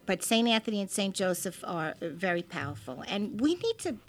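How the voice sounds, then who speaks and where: A woman's voice: mid-range voice, sing-song, fairly quick, soft background music. A woman talking about faith and reading devotions on a talk show, with an emphatic manner. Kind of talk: casual religious talk and prayer reading.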